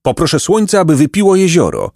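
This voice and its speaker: A man's voice: on the high side, big pitch swings, brisk, a little mellow, no room sound, clean studio sound, pitched above the performer's own voice. A man voicing a clever, bold boy who speaks firmly and matter-of-factly in a storybook reading. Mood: stern. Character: clever bold boy, stern but kind.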